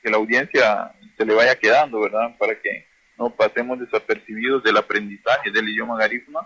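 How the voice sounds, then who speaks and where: A man teaching a language class, slowly repeating and drilling words for his listeners. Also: on the low side, fairly even intonation, pushed and bright, husky, dull audio. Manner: slow, repetitive drilling of words.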